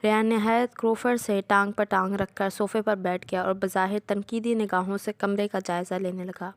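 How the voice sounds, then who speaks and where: Gravelly woman reading a novel. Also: mid-range voice, moderate pace, no echo. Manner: steady, even storytelling. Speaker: narrator.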